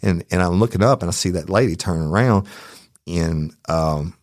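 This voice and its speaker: Man, podcast host, profane, heated storytelling, extremely low voice, dry close sound. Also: normal speed, a little mellow, dry recording. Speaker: true crime podcast host. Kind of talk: casual storytelling monologue.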